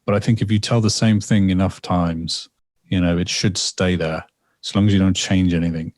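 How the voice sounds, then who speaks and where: This studio-quality clip, free of room sound, features a man from England with a low, darkish voice, fairly even intonation and moderate pace. As a guest storyteller in a casual podcast conversation, he tells a personal story. He rambles and reflects, with many repetitions and fillers.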